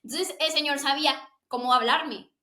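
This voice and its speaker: A young woman tells her personal story of faith with fervent, emotional earnestness. Her voice sits high. The room around her is echoey. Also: normal speed, pushed and bright. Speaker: guest sharing testimony.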